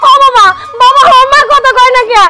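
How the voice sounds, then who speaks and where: A woman playing a shrill, sobbing young daughter. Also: fairly even intonation, moderate pace. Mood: desperate crying. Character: young girl crying for her dead mother. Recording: very loud music under the voice.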